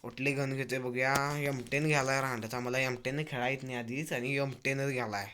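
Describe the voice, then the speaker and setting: A man giving excitable, cursing commentary on his own mobile shooter gameplay, telling viewers to keep watching. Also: mid-range voice, a little fast, a little hiss or hum. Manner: excitable, cursing trash talk. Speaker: mobile game streamer.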